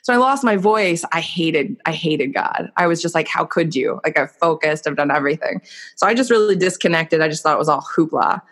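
Brisk and deep-voiced yet fairly bright in tone, a woman in her thirties tells her life story on a podcast with lively intonation. The conversation is candid and reflective, delivered earnestly with many filler words.

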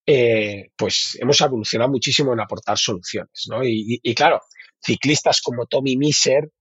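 A man's voice: mid-range voice, moderate pace, slightly rough, no room sound, dull audio. A man from Spain with a Spanish accent, a bike fitting expert talking keenly in an interview, often repeating and restarting words. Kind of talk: casual interview talk.

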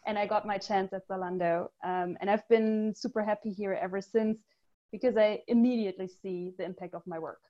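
A woman's voice: mid-range voice, fairly even intonation, a little fast, dark tone. Woman from germany on a podcast, lots of ums and restarts, sounds a bit dull and muffled. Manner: thoughtful, with frequent ums and restarts. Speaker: guest, user research lead. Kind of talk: podcast interview.

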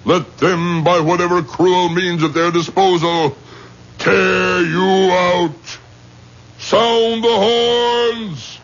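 An actor playing a stern religious exorcist in a radio drama, declaiming with ceremonial authority. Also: male voice, high-pitched, fairly even intonation, drawn-out words, fairly bright tone, heavily acted. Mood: stern, commanding. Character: stern, solemn religious judge performing an exorcism. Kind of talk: theatrical radio drama acting. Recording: muffled recording with clear background noise.

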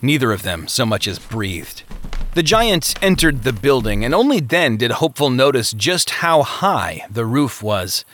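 A man reads a novel aloud in a steady storytelling manner, sometimes lightly voicing the characters. His voice sits at a middle pitch with a bright tone. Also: unhurried, no room sound. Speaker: audiobook narrator. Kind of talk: scripted narration of a novel.

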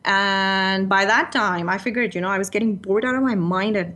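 Speaking at a normal pace with a medium, slightly bright voice, a freelance writer from Pakistan in her thirties chats as an interview guest. She's candid and talkative, quick to laugh, and keeps slipping in "you know."

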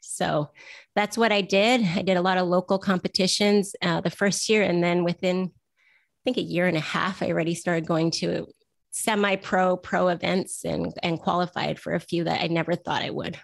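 A woman in her forties from Vancouver, Canada, chats as a guest in a casual interview, telling stories with self-deprecating humor. Her lowish voice holds a steady tone at a moderate pace, with vocal fry, and the recording has no echo.

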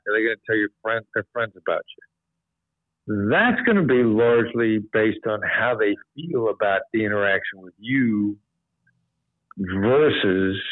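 A man's voice: lowish voice, dry recording. A man, a former hostage negotiator, telling stories and giving advice in a casual podcast chat, with lots of "you know". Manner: relaxed, repeats "you know", animated when quoting others. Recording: tinny phone-like line, dry.

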